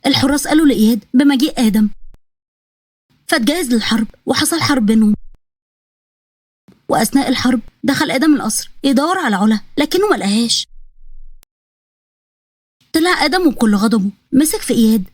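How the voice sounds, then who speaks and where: Fast-talking Egyptian woman storyteller. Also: sits high, lively intonation, dry recording, studio quality. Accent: Egyptian Arabic. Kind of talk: storybook narration.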